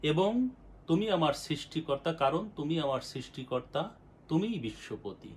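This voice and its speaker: A man's voice: fairly high pitch, big pitch swings, normal speed, a little hiss or hum. A man reciting his own devotional poem, voicing the verses with rising force and then explaining each line in plain, repetitive talk. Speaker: poet reading his own work.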